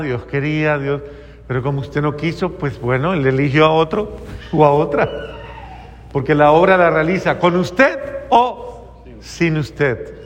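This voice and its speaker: A man preaching a homily to a congregation, asking them questions and acting out quoted replies in soft voices. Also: a little high, big-room sound. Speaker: priest.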